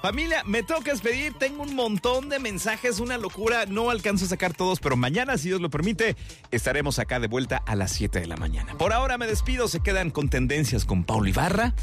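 A man hosts a radio call-in show with a lively, sing-song delivery that bounces all over his range. He jokes and teases his callers, and his voice sits a little high for a man. Soft music plays faintly behind him. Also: fairly quick. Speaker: radio host taking listener calls.

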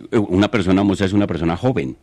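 Guy on comedy radio, really low voice, jokey and rambling, sets up bits, lots of laughing banter. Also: rapid-fire, a little mellow, no room sound. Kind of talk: joking radio banter and acted sketches.

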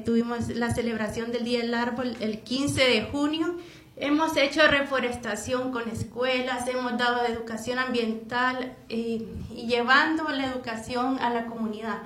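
A woman's voice: fairly high pitch, fairly bright tone, roomy sound. A woman from Honduras hosting a radio talk show from a studio booth, speaking with frequent fillers and restarts. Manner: hesitant, many fillers and restarts. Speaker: radio host.

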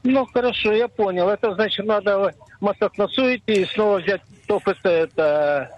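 An older man calls in with a question and keeps stopping to search for the right words. His voice is fairly high and reaches us through a muffled, dull phone line. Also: moderate pace, dry recording. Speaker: caller.

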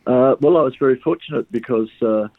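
An older man from Sri Lanka, an orchestra conductor, answering radio interview questions in a halting way with many pauses and restarts. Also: mid-range voice, no room sound. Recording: tinny phone line.

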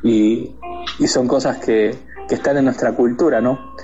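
A man's voice: medium pitch, steady tone, unhurried, warm tone, dull audio, faint music behind. A man from Argentina with an Argentine accent, a guest talking casually in an interview, hesitant with many fillers and restarts. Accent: Argentine Spanish.

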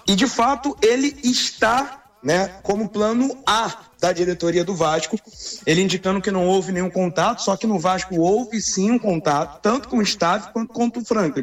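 A man phoning in as a sports reporter on speakerphone, giving a measured, informative report with the occasional filler. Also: high voice. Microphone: phone on speakerphone. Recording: distant speakerphone call.

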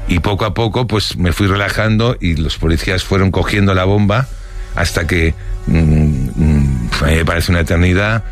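A man's voice: sits low, normal speed, faint music behind. A middle-aged man from Barcelona telling stories from his childhood in an interview, hesitating often with fillers and restarts. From Barcelona, Spain. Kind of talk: recounting life stories.

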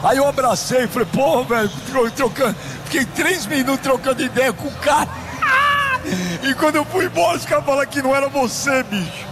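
A man with a Brazilian accent hosting a live sports broadcast from a stadium booth, joking and bursting into shouts. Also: extremely high pitch, a crowd in the background, noisy background. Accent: Brazilian Portuguese. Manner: excitable, joking, rapid swings to shouting.

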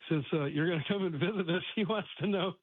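A man's voice: sits high, fast talker, slightly rough, no room sound. A man in his seventies calling in to a radio show over the phone, friendly and chuckling, with hesitant fillers. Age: 70s. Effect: calling in over a phone line. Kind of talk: casual call-in chat. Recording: tinny phone line.

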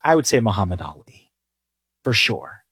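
A man from England, a financial advisor, talking on a radio show in a low, slightly husky voice. He answers at an easy, thoughtful pace, and the recording is dry and close. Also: big pitch swings, normal speed, a bit bright, no echo. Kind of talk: casual interview answers.

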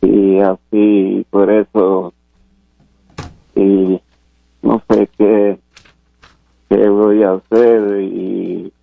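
A man from Guatemala phones in with a question, stopping and restarting as he searches for words. His low voice is gravelly and very slow. The call sounds tinny and narrow, like a phone line. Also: little pitch movement. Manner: hesitant, halting. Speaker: caller.

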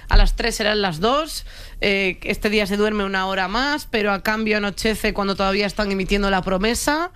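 A woman hosting a comedy radio show, introducing topics in a brisk, teasing way. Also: mid-range voice, fairly bright tone, clear, resonant tone.

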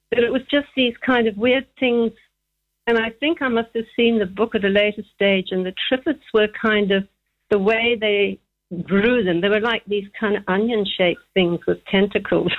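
This radio show caller is a Zambian woman in her seventies, chatty and quick to laugh as she wanders through memories of her childhood. Her medium-pitched voice moves at normal speed, heard over a tinny phone connection.

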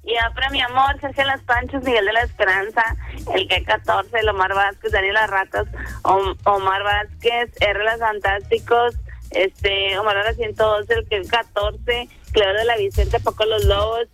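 A woman's voice: medium pitch, level tone, normal speed, fairly bright tone, faint music behind. A woman, phoning into a radio show and cheerfully reeling off long lists of names. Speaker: caller. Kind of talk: phone call to a radio show.

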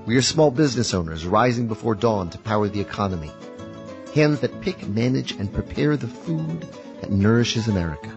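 A man's voice: lowish voice, lively intonation, a little fast, highs cut off, faint music behind. A man reading a scripted public-service announcement as a commercial announcer.

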